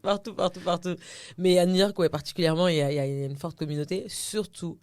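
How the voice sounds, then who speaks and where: A woman's voice: low voice, quick pace, clean tone, dry recording, studio quality. A woman from Cameroon, an actress and TV host, telling her story in a casual interview and slipping English phrases into her talk. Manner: animated storytelling, often slips into English phrases.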